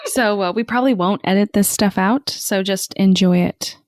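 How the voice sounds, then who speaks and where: A woman's voice: mid-range voice, normal speed, no echo. A woman co-hosting a casual podcast with friends, goofy and teasing, giggling as she talks. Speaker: podcast co-host. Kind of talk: casual chat among friends.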